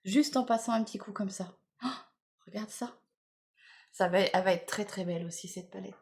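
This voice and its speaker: A woman talks straight to her viewers in a relaxed, gushing way, piling up repeated praise and little fillers. Her voice sits in an ordinary middle range. A faint hiss runs under the recording. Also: medium pitch, a little fast, vocal fry. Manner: chatty, enthusiastic, many fillers and repeated words. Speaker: beauty vlogger. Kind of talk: casual unboxing chat to camera.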